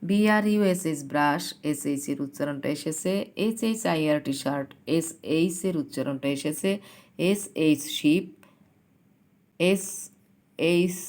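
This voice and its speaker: A woman with a Bangladeshi accent teaching an English lesson to young pupils, spelling words letter by letter and reading English sentences slowly. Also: low-pitched, darkish tone. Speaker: primary school English teacher. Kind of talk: recorded classroom lesson.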